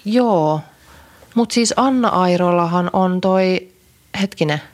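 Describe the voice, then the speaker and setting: A young adult woman co-hosting a podcast, chatting in a rambling way with many fillers and restarts. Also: on the low side. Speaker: podcast co-host. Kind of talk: casual chat.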